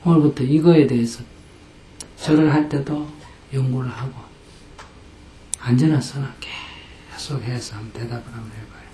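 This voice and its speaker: A man's voice: mid-range voice, fairly even intonation, moderate pace, long pauses, mellow, a little hiss or hum. Blunt, coaching Buddhist teacher, man. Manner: blunt, coaching, repeats questions, drops to near whisper. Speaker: Buddhist teacher answering questions. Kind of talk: live Q&A dharma talk. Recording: roomy hall sound.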